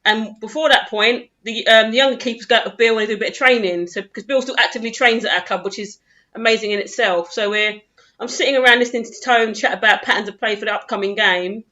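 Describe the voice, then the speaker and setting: A young woman, hosting a casual chat and telling a story in a lively way, often laughing. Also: fairly high pitch, fast talker. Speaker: host, club physio. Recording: muffled lo-fi stream audio.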